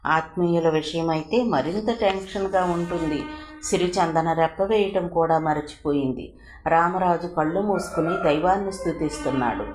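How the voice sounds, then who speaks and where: Low-voiced woman reading a novel. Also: darkish tone. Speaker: audiobook narrator. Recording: echoey room with faint noise.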